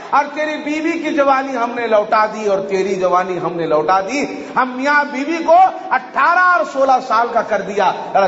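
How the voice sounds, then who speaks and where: A man preaching a sermon with passion, dropping to low murmurs and rising to shouts. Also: a little hiss or hum. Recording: echoey hall, dull lo-fi sound, faint ambience.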